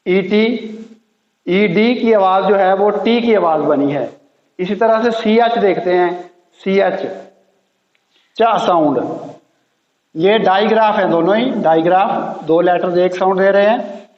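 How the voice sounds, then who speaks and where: A man with a high voice teaches pronunciation in a slow, patient classroom style, repeating each word over and over. His voice rings with a long, echoey reverb, and the recording sounds dull and lo-fi. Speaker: English teacher.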